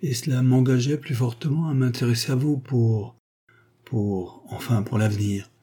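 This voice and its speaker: An earnest older gentleman gently lectures in a storybook reading, as a man reads his part. His voice is dark and husky. His tone is grave and moralizing. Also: mid-range voice, moderate pace, pitched above the performer's own voice, close to an everyday voice. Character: kindly grave older gentleman, a tax collector.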